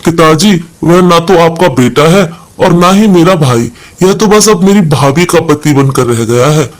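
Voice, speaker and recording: A man's voice: fairly high pitch, unhurried, close to an everyday voice. Storybook sister, young, resentful and accusing, read by a man.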